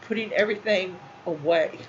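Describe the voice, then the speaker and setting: A middle-aged woman talks casually to her viewers, halting, repeating herself and sounding emotional. The recording is a little dull and muffled. A faint noise sits underneath her voice. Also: lowish voice. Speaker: channel host. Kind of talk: casual talk to livestream viewers.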